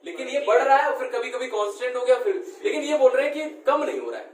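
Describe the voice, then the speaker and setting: A man's voice: extremely high pitch, big pitch swings, fast. A man teaching a math class, constantly quizzing his students and checking they follow. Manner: keeps quizzing students, checks understanding with short questions. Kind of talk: classroom lesson. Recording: echoey room, mic far off, faint background noise.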